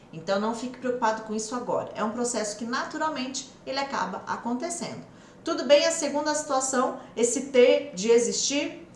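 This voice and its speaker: A woman with a Brazilian Portuguese accent teaching an English lesson, lively and emphatic, slowing down to stress key words. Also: a little high, a little hiss or hum. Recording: echoey room.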